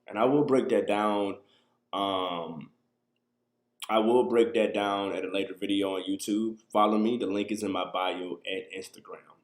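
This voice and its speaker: A livestream host in his thirties talks loosely to viewers from a small room on a webcam, answering their questions. He has a lowish, steady voice, a slightly slow pace, and an echoey room sound.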